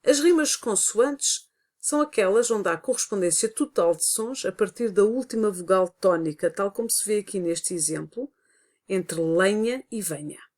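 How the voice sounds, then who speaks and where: A woman's voice: medium pitch, moderate pace, darkish tone. A woman teacher with a European Portuguese accent, explaining a grammar lesson step by step with frequent hesitant fillers. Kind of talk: recorded online lesson.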